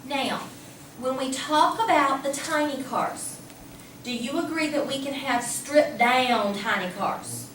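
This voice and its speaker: A woman math teacher giving a lively classroom lecture, talking casually and asking the class questions. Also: sits high, slow. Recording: echoey classroom from a distance, faint hum.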